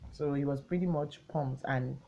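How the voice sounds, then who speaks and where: A woman's voice: extremely low pitch, normal speed, creaky, muffled recording. A woman, chatting casually to her channel in a rambling storytime vlog. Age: 20s. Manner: chatty, rambling, gets excited recounting the story. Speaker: vlogger.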